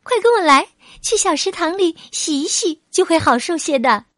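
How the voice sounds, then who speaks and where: Woman voicing a sweet, high little country mouse. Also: animated, normal speed, no room sound. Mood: welcoming. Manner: gentle, childlike and eager. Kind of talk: storybook reading for children.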